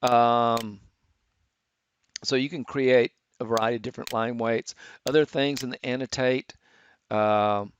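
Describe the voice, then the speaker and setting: A middle-aged man teaching architecture students, talking through a software tutorial with many fillers and restarts. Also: medium pitch, fairly even intonation, measured pace, pauses often, a little hiss or hum. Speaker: architecture instructor. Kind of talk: screen-recorded software tutorial. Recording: dull, lo-fi screen capture.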